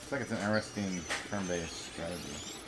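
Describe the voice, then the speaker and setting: A man's voice: low-pitched, a little fast, crowd noise. A man hosting a casual reaction stream, joking and greeting chat viewers. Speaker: host.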